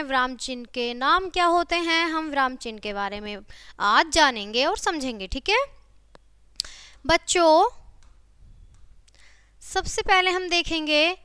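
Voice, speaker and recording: A woman's voice: high-pitched, pushed and bright, dry recording, studio quality. A woman teacher giving a grammar lesson to children, checking in with her students often and repeating key phrases.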